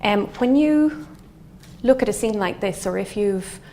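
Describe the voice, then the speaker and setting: A middle-aged woman lectures in a west of Ireland accent, at a medium pitch. She explains things like a researcher, thoughtfully and conversationally, with halting phrasing. A little room noise sits behind her voice. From Galway, west of Ireland. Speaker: research scientist giving a lecture. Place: indoor wood-panelled lecture room. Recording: faint steady room noise.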